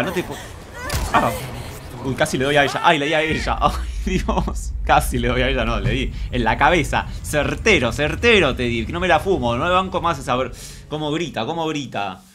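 A gaming streamer with a Rioplatense Argentine Spanish accent narrates a let's play, his voice a little high. He chatters to himself and his viewers, repeats phrases, and refers to himself in feminine forms.

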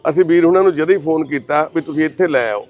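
Comforting a family and reaching out to his viewers, a social worker who hosts the channel speaks in a fairly high pitch with fatherly reassurance. He is warm, refers to others as son and sister, and recites a prayer in a slow chant.

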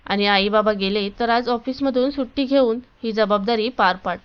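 A woman voicing a calm, newly confident young wife in a read-aloud story, speaking steadily and firmly. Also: fairly high pitch, normal speed, clean tone, close to an everyday voice. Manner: calm, firm. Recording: dull lo-fi recording.

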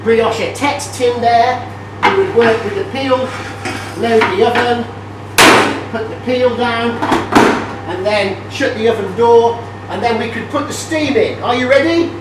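A man's voice: very high-pitched, unhurried. A middle-aged man giving a guided tour of a bakery as instructor, explaining the equipment with fillers and restarts. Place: large industrial bakery kitchen, indoors. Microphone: camera mic from a distance. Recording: echoey kitchen, distant mic, noisy.

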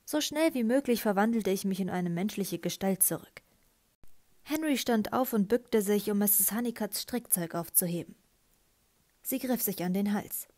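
A woman narrating a novel in the first person with lively storytelling. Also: medium pitch, normal speed. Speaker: audiobook reader.

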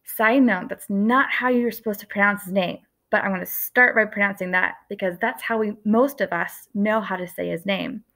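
An art teacher in her thirties gives a lesson to young children, her medium-pitched voice gentle and expressive. She tells it like a story, slowing down on key words, and is recorded close to a webcam indoors.

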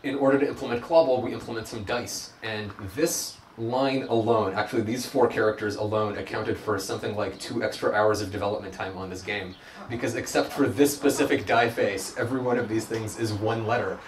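A young man talking through a live code demo in a loose, self-deprecating way, full of ums and restarts. His voice sits a little low. He is heard from across an echoey meeting room with a faint hum of noise behind him. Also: steady tone, fairly quick, distant mic. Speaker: presenter giving a tech meetup talk. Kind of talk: casual live demo talk. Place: meeting room at a hack night.

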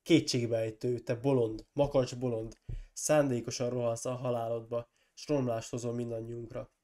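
A man with a cold, reading aloud and voicing a proud, forceful warrior lord who keeps pressing his case and breaks into loud accusations. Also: medium pitch, level tone, natural voice. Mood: angry. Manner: insistent, rising to loud accusing outbursts. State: hoarse from a cold.

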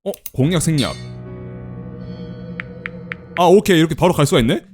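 A man giving chatty, excitable commentary while playing a horror game, exclaiming often. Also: on the high side, moderate pace, soft background music. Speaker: game streamer. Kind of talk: let's play commentary.

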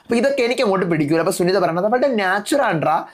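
A man reviewing a reality show episode in a casual recap, retelling each contestant's lines in quick succession. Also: high-pitched, lively intonation.

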